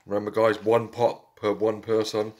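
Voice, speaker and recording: Filming himself on a handheld camera in a cramped home kitchen, a young adult man chats casually with viewers while doing a food challenge. His voice is on the low side and darkish, level in tone and moderate in pace, and the recording is noisy.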